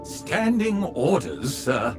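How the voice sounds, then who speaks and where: A man's voice: a little high, huge pitch swings, takes it slowly, exaggerated voice. An actor voicing a fawning, overly polite male butler robot in a video game, prim and courteous, always addressing his master as sir. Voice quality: prim and exaggeratedly courteous, calls everyone sir. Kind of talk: studio video game voice acting. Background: game music.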